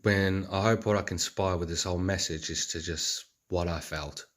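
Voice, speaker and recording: A man's voice: low-pitched, steady tone, normal speed. A man speaking in an earnest, rambling reflective monologue, with many fillers and restarts. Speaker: vlogger.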